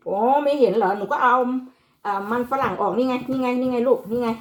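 A woman's voice: a little high, a little fast, crowd noise. A mother with an Isan accent chatting casually while she cooks, mixing Isan and Thai with her child. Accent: Isan (Northeastern Thai). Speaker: vlogger mother. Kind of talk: casual chat while cooking. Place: home kitchen.

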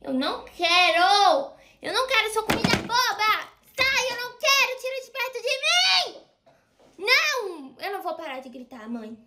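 A woman's voice: very high voice, sing-song, moderate pace, heavy background noise, voice pushed up. A woman voicing a spoiled, rude little girl who whines, taunts and sulks in a comedy sketch. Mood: whiny tantrum. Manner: whiny, taunting, sulky. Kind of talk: comedy sketch role-play.

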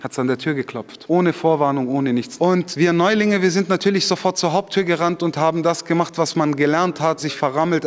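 Earnest man recounting, slightly high voice. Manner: earnest, vivid storytelling with restarts. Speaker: interview guest. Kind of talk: recounting a personal story. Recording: reverberant room with faint music.

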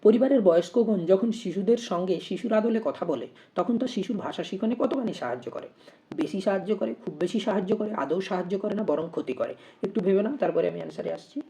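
Woman teacher, warm and mellow tone, methodical explainer who asks rhetorical questions before each answer. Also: mid-range voice, expressive, brisk, slight background noise. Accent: Bengali. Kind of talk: exam-prep lesson.

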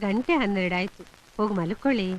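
A woman's voice: mid-range voice, fast, very noisy, lightly acted. An actress playing a doting middle-aged mother who pleads on behalf of her son. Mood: pleading. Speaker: the hero's mother. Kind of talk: Kannada film dialogue.

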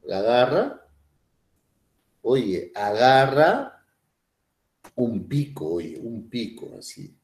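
A man's voice: mid-range voice, very animated, very slow, long pauses, echoey room. A man teaching biology in a playful, chatty way, often checking in with tag questions. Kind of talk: animated classroom lecture.

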